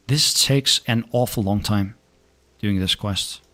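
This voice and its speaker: A young Danish man with a lowish voice and a Danish accent streams a game and answers viewer questions. He sounds relaxed but halting, often stopping to restart his sentences.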